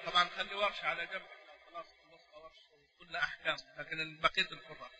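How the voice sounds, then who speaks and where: A male Quran recitation teacher giving a classroom lecture on a poem, often prompting his students with quick questions. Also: high-pitched, sharp tone. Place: mosque recitation hall. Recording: echoey hall reverb.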